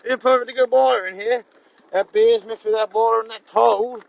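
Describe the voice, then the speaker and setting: An actor playing a scruffy, eccentric drifter who rambles and drawls in a character comedy outdoors. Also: male voice, very high-pitched, fairly even intonation, normal speed, vocal fry, highs cut off. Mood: rambling. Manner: rambling, drawling, calls everyone "boy".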